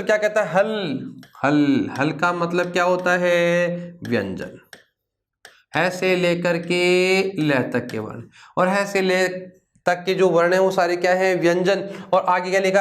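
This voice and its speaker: A man's voice: high voice, a bit bright. A man teaching a grammar lesson who keeps asking questions and answering them himself, repeating key terms with emphasis. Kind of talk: classroom lecture.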